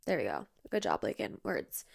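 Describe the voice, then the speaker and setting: A woman in her twenties hosts a casual podcast chat from her bedroom, captured by an iPad on a tripod. Her voice is low-pitched, gravelly and slightly rough, with wildly swooping pitch at a moderate pace. She sounds a bit nasal and congested, tired but bubbly, and uses lots of fillers.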